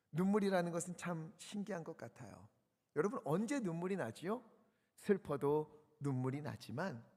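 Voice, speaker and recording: Fairly high-voiced guy pastor preaching, gets loud then goes soft, big church echo. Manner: emphatic preaching with sudden loud rises and soft drops. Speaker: senior pastor. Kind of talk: sermon. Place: church sanctuary. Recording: church hall reverb.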